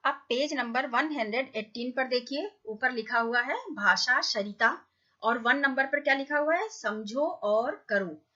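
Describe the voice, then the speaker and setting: A woman's voice: high-pitched, lively intonation, unhurried, pushed and bright, muffled recording. A woman teaching a Hindi lesson to young children, patiently asking questions and answering them herself.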